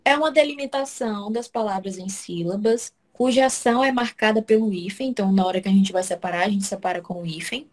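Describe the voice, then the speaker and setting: A woman teaching Portuguese in an online class, explaining step by step and checking in often with her students. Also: medium pitch.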